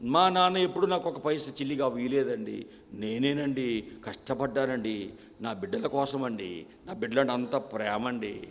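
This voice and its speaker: A man's voice: medium pitch, moderate pace, close to an everyday voice. A preacher playing a proud, polite father. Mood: boastful. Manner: deferential, adding polite endings to each phrase. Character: proud father boasting of providing for his children. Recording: long echo of a church hall.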